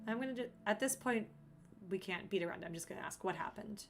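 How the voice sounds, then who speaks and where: A woman's voice: mid-range voice, fast talker, vocal fry. A young adult woman streaming a video game, reading its text aloud and chatting playfully with viewers. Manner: chatty and playful, jumps to loud startled exclamations. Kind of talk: casual let's-play commentary, reading game text aloud. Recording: game music playing underneath.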